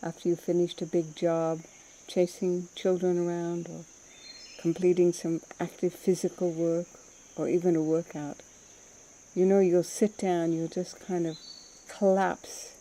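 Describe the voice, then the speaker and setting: A woman meditation teacher with a lowish voice guides a mindfulness practice. She speaks in a soothing, unhurried way and leaves gentle pauses between phrases.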